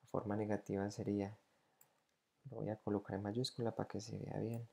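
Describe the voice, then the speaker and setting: A man explains grammar like a schoolteacher, patiently walking through each example. His voice is low and gravelly, with a dark, mellow tone. He speaks slowly and evenly, with little rise and fall. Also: flat delivery. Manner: slow, patient, step by step, repeating each example in two languages. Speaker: English teacher. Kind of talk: recorded grammar lesson explaining on screen.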